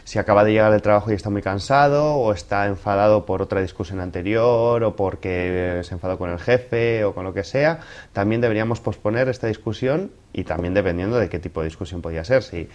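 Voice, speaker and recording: Male guest expert, lowish voice, didactic and example-led interview delivery. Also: fairly quick, darkish tone. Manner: didactic, explains through examples. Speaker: expert guest giving relationship advice. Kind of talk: explanatory interview talk.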